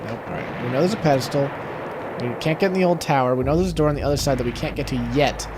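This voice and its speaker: A man's voice: medium pitch, rapid-fire. A man doing casual let's play commentary and reading game text aloud, with noisy game sounds behind him. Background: game sound effects, artillery fire.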